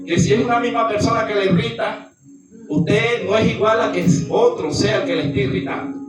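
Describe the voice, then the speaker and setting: A man preaching with force, throwing questions at his congregation. His voice sits high and comes from a distance. A strong echo fills the room while guitar plays underneath. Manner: emphatic, asks the listeners questions. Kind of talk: sermon with congregation exchange. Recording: echoey room, far from the mic, music behind.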